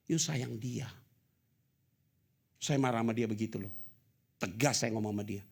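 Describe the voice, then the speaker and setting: A middle-aged male pastor preaching at a church service, moving between loud, high-pitched emphasis and quiet, low, fatherly asides, with casual slang mixed in. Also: creaky. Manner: mixes casual slang and English words into his talk. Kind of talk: sermon.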